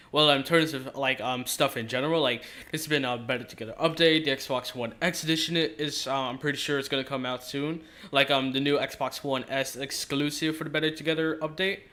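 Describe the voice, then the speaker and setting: A man's voice: medium pitch, sharp tone. A man giving casual, rambling game commentary, hesitant and self-correcting, his speech slightly off from stitches in his mouth after dental surgery.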